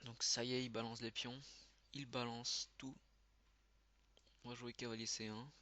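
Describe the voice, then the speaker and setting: A man giving live commentary as he plays, thinking aloud with quick muttered exclamations. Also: mid-range voice, level tone, sharp tone. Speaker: channel host. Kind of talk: live commentary while playing.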